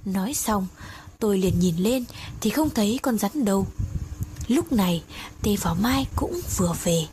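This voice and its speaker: A woman narrating a first-person horror story in a steady, hushed storytelling manner. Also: mid-range voice, a little slow. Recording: noisy audiobook recording.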